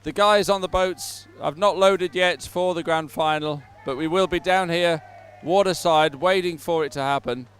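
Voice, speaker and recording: Outdoors by the water at a racing venue, with music playing nearby, a man presents the event in off-the-cuff live commentary. His voice is on the high side and clean, moving at a moderate pace with few pauses.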